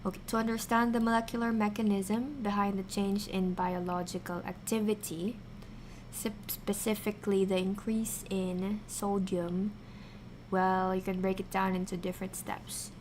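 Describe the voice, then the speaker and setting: A woman hosting a casual livestream science lesson, thinking aloud haltingly and repeating key terms as she chats with viewers. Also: medium pitch, level tone, a little mellow, a little hiss or hum, rough recording. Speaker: science streamer, virtual avatar host.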